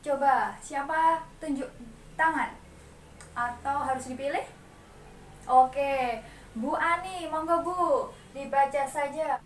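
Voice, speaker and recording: A high-voiced woman facilitates a parenting class, speaking slowly with long pauses and a faint hiss or hum in the audio. She calls the group "mothers," walks them through each step, and leads them in clapping chants. The training session was recorded in an echoey room on a distant mic, with faint ambience behind her.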